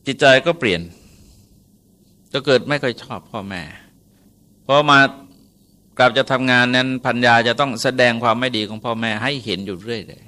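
A man, a Buddhist monk, telling a story in a sermon in a relaxed, conversational way, with polite particles and frequent hesitations. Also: mid-range voice, moderate pace, pauses often.

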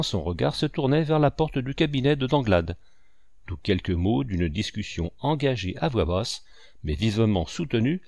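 A man reading a novel aloud in an expressive, animated way. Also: on the low side, dry recording, studio quality. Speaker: audiobook reader.

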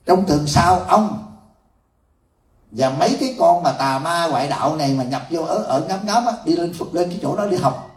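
A man's voice: fairly high pitch, lively intonation, normal speed. A man voicing a stern, suspicious male police chief who scolds in an officious tone, inside a story told in a sermon. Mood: scolding. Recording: roomy hall from far off.

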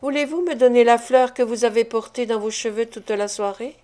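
A woman's voice: a little high, fairly quick, a little mellow, natural voice. A woman reading a storybook, voicing a pale, ardent young man who speaks in a breathless, pleading, tender way.

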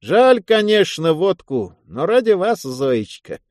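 This is a cocky young sergeant who teases and pushes his luck with a grin, as a male reader puts him on. He talks a notch higher and louder than the narration. The reading is close and dry. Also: big pitch swings, slow pace, dry recording, full character voice. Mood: joking. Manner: teasing, pushy, mock-pleading.

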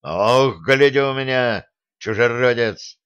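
A man voicing a hot-tempered medieval prince who mocks and commands loudly. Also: mid-range voice, animated, unhurried, close to an everyday voice. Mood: mocking. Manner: loud, mocking, domineering. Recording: dull lo-fi sound.

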